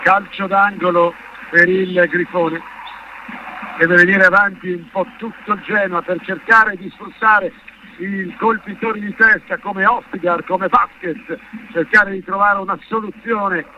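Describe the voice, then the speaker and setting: A man calls a football match live on radio, siding openly with his team. His voice is high and very sharp, with little melodic swing. The broadcast sound is narrow, with some noise behind it. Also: little pitch movement, a little slow. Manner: partisan, speaks as one of the fans. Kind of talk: live play-by-play football commentary. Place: football stadium commentary position. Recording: band-limited radio broadcast with background noise.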